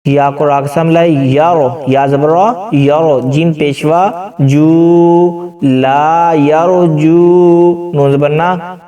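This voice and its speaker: A man teaching Quran reading, spelling out syllables slowly and chanting the joined words. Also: a little high, steady tone, dark tone, highs cut off. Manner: slow syllable-by-syllable drilling, breaks into chanted recitation. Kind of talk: spelling-out recitation lesson. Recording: distant from the mic.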